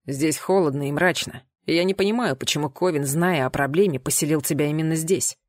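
A woman reading an audiobook, voicing a protective, tender young male knight in a soft, earnest, half-whispered way. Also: low voice, fairly quick, no echo, clean studio sound, voice pushed down, natural voice. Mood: calm, serious. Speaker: audiobook reader. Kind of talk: audiobook character voice.

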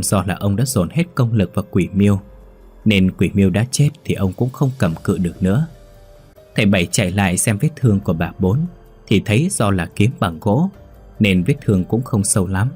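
A man narrating a ghost story in a steady storytelling way. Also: low voice, breathy edge. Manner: steady storytelling, voicing all figures.

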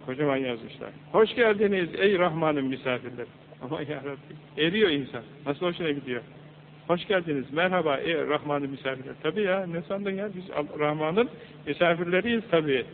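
A man's voice: fairly high pitch, brisk, in a large hall. A man preaching a sermon from a pulpit, asking rhetorical questions and reciting Arabic verses in an emphatic way. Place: mosque pulpit. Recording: old lo-fi tape, phone-like band, faint hum.

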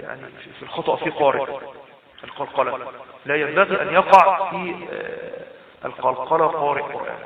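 Egyptian guy teaching recitation, slow drawn-out demos, kinda high voice, roomy muffled old radio sound from far off. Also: vocal fry. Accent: Egyptian Arabic. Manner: repeats and slowly demonstrates words, many drawn-out fillers. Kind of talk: tajweed lesson.

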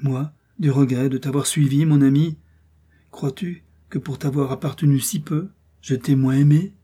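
A man voicing a tender, playful seventeen-year-old wife who speaks softly. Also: medium pitch, steady tone, normal speed, slightly rough, voice pushed up, close to an everyday voice. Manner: soft, coaxing and playful.

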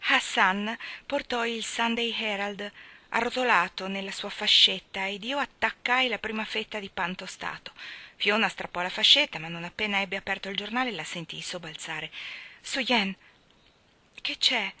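A woman reading a novel aloud in first person, slow and deliberate, with soft whispered passages. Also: mid-range voice, dry recording. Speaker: reader.

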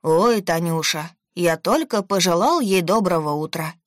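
Woman doing a sly, slow-drawling old grandpa. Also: on the low side, expressive, dry recording, clean studio sound.

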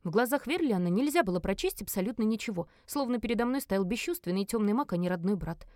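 A woman's voice: mid-range voice, fast talker, no room sound, studio quality. Woman narrating a dramatic fantasy audiobook. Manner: expressive, dramatic reading.

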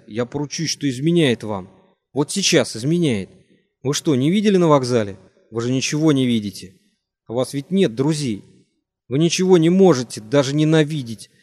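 A man's voice: medium pitch, natural voice. Man voicing a bitter drunk young man. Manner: ranting, voice rising to shouts. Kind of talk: audiobook character reading.

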